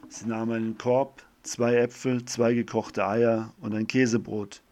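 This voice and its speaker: A man's voice: medium pitch, little pitch movement, unhurried, darkish tone, slight background noise. A man narrating a homemade village story as an amateur reader, with a plain delivery and small self-corrections.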